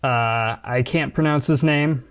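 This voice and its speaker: A man at a middle pitch co-hosts a podcast. He chats easily and offers fun facts in an unhurried, conversational way. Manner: relaxed, sharing trivia. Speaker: podcast co-host. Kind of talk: casual chat.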